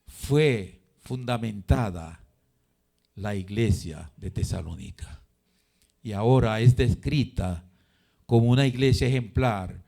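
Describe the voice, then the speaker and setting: A man's voice: on the low side, creaky, dark tone. A man preaching a sermon in church, asking rhetorical questions, answering them himself and repeating phrases for emphasis.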